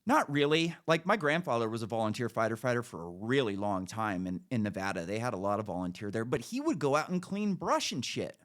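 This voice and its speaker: A man's voice: mid-range voice, big pitch swings, a little fast, few pauses, fairly bright tone. An American man in an opinionated casual rant, talking bluntly and emphatically, with swearing and repetition for stress.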